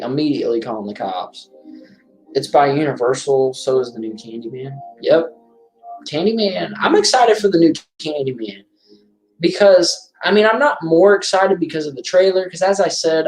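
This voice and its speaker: A man's voice: a little high, darkish tone. A man hosting a casual live-stream movie commentary, chatty and rambling, often correcting himself as he talks. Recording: roomy echo.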